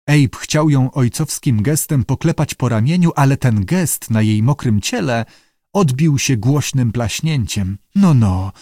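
Man narrating an audiobook, steady measured read, dry close sound. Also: medium pitch, no echo. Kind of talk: scripted narration.

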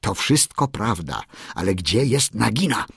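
A man voicing a brave male mongoose who talks in a brisk, commanding way. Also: lowish voice, sing-song, creaky, fairly bright tone, slightly rough, no echo, clean studio sound, heavily acted. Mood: urgent. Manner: urgent, commanding.

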